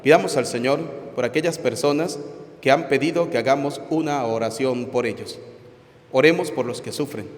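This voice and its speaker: A man preaching a homily at mass as a priest, telling stories in an animated way that swings from loud to hushed, then leading prayers. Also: mid-range voice, normal speed. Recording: church hall with long reverb.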